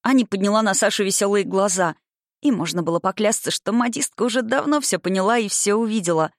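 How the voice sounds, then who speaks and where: An audiobook narrator reading a historical romance aloud in a smooth, measured storytelling manner. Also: mid-range voice, no echo, studio quality. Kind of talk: scripted narration.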